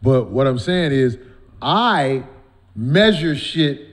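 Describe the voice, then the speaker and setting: A man's voice: medium pitch, lively intonation, slow pace. A man hosting a casual podcast chat, blunt and profane. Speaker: host.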